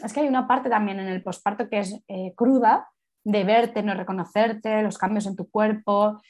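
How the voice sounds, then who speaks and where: A woman's voice: mid-range voice, fairly even intonation, normal speed, a little mellow. A woman sexologist, reflecting candidly in a casual interview and rambling through many asides.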